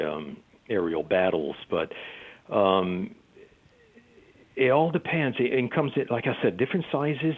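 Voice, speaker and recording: A man with a very low voice calls in over a thin, phone-like line. He is a field investigator walking through a case, stopping often on fillers and restarting his sentences. His voice is wearing thin. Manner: halting, with many fillers and restarts. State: losing his voice. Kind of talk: recounting a case in an interview. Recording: tinny phone-line call-in.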